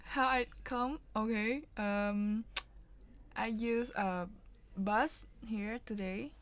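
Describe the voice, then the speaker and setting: A woman's voice: on the high side, fairly even intonation, very slow. A young woman from Vietnam, a guest on a student radio show, talking casually and hesitantly as she searches for her words in English, her second language. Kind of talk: casual interview chat. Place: campus radio studio.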